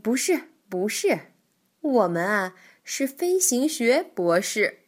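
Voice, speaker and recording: A woman voicing a polite, scheming male stork in a children's storybook, smooth and coaxing. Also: on the high side, sing-song, slow, full character voice. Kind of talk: storybook reading.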